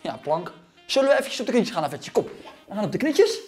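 A man's voice: high voice, sing-song, fast talker, a little mellow. A man in his thirties coaching a children's home workout, cheering them on and counting down reps while exercising himself and a little out of breath. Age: 30s. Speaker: fitness coach for kids. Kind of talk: energetic workout instruction. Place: gym.

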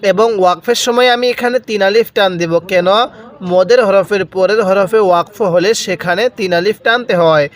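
A man teaching Quran recitation step by step, chanting Arabic words slowly and drawn out, then explaining quickly. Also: sits high. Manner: repeats words for the viewer to copy.

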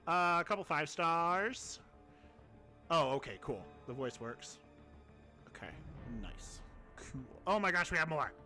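A young man streams a mobile game from his home setup, chatting through a headset in a rambling, self-amused way, with faint music in the background. His fairly high voice is expressive, pushed, and bright, and he speaks unhurriedly with long pauses.

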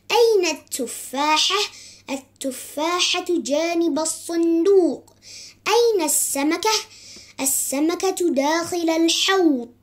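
Lady teacher with a really high voice, drills words slowly and patiently. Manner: patient question-and-answer drilling. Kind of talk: slow, clearly drilled vocabulary lesson.

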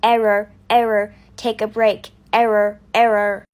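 A woman voicing a broken toy machine that chants error messages in a flat monotone. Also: mid-range voice, unhurried, noisy background, voice pushed down, lightly acted. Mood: robotic.

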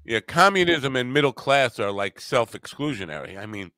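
A man's voice: mid-range voice, very animated, normal speed, a loud crowd. A man hosting a casual panel show, rambling and joking with some profanity. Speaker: host.

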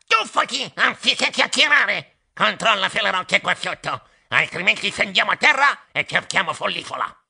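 A man voicing a short-tempered, skinny male rat captain in an audio storybook, barking bossy orders in a gravelly voice. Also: high-pitched, lively intonation, moderate pace, hardly any pauses, sharp tone, voice pushed up, heavily acted. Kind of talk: storybook voice acting.

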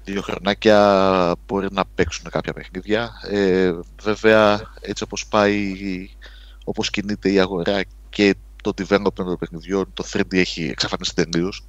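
A man's voice: deep voice, little pitch movement, no room sound, muffled recording. A man on a podcast panel, thinking his points through and restarting sentences as he goes. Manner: thoughtful, analytical, restarts sentences. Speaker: podcast co-host. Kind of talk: casual panel discussion.

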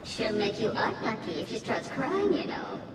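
Childlike game spirit, high, sing-song, loud ambient noise, echoey. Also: female voice, big pitch swings, moderate pace, far from the mic. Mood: scolding.

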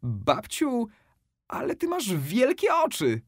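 Man putting on a high little girl's voice. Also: huge pitch swings, slow, husky, no room sound, studio quality, heavily acted. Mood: amazed. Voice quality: high and bright.

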